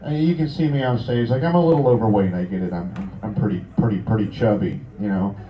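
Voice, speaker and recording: A fast-talking Japanese comedian of forty, his voice fairly low, works a crude, self-mocking routine before a live audience. The club recording sounds lo-fi and echoey, with the microphone far from him and the crowd in the background.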